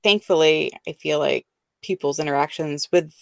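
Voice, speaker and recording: A woman's voice: low-pitched, moderate pace, creaky, dry recording, clean studio sound. A woman hosting a podcast who interviews two hikers, often backing them up with "right, right". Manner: friendly asking, frequent "right, right". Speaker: podcast host.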